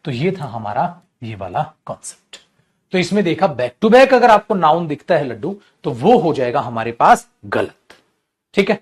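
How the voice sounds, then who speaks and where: Animated high-voiced Hindi grammar teacher. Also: male voice, normal speed. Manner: animated, calls students "beta", asks and answers his own questions. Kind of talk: online coaching class lecture.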